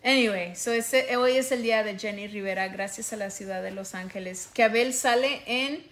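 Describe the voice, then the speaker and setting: A woman in her thirties hosts a casual livestream from her couch at home, switching between Spanish and English, filmed on a phone held at arm's length. Her voice is medium-pitched and a bit bright at a moderate pace, with a little hiss or hum in the audio.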